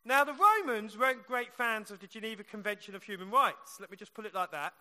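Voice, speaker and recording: Male preacher, strikingly high-pitched and forceful, chatty sermon delivery, can't pronounce R, says it like W. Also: lively intonation, fairly quick. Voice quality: cannot say R's, which sound like W. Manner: emphatic, with repeated phrases and rhetorical questions. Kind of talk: sermon with plain, chatty asides.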